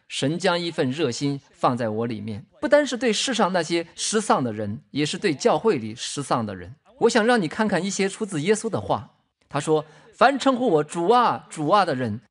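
A man preaching a sermon in an impassioned, emphatic way, swinging between loud declarations and hushed asides. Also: a little high, breathy edge. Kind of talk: sermon teaching.

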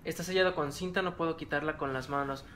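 A man's voice: a little high, steady tone, quick pace, a bit bright. A man with a Mexican accent commenting on a horror game he is playing. He talks nervously, muttering to himself and yelping at scares. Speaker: let's play gamer.

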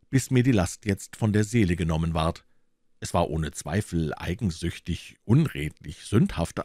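Deep-voiced male audiobook narrator. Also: darkish tone, no room sound, studio quality. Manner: measured, storytelling. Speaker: audiobook reader.

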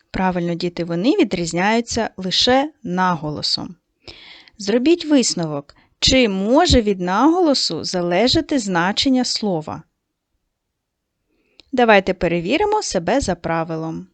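A woman teacher giving a patient, slow second-grade lesson and stressing each word for young children. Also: mid-range voice, no room sound. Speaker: primary school teacher.

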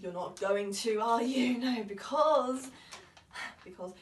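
A woman's voice: fairly high pitch, slow, slight background noise. A woman auditioning as a wife facing divorce who mocks her husband, sarcastic and laughing through tears, recorded from a distance in a roomy space. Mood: tearful. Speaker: drama school auditionee. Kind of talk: audition monologue. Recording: roomy, from far off.

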